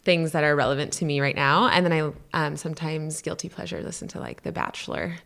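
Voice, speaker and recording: A low-pitched woman in her thirties, originally from Canada, talks as a podcast guest. She rambles casually, fills pauses with "um" and "yeah", and laughs easily. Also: very animated, vocal fry, fairly bright tone. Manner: chatty, laughing, lots of fillers like "um" and "yeah". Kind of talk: casual interview chat.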